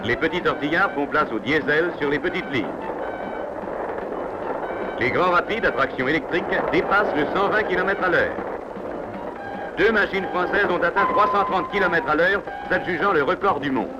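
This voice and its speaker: High-pitched 1950s newsreel man. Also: moderate pace. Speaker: newsreel narrator. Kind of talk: 1950s French newsreel scripted narration. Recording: dull 1950s film soundtrack. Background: loud background music.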